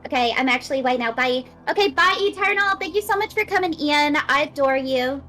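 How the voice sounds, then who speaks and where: High-pitched woman stream co-host, excitable and profane, casual chat. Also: a little fast, faint music behind.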